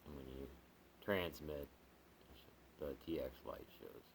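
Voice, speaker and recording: With an extremely low-pitched voice, a man reviews gear as a hobbyist, unscripted and casual, rambling and stopping often to explain. A slight hiss or hum sits under the audio.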